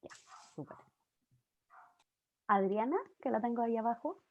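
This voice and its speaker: Una conferencista chilena habla por videollamada, relajada e informal. Su voz es algo aguda y el sonido llega opaco y sin eco de sala. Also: female voice, fairly high pitch, normal speed, dry recording. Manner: friendly, informal, many fillers. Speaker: guest lecturer. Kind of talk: online class talk. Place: home, video call. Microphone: computer mic on video call. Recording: dull, dry video-call audio.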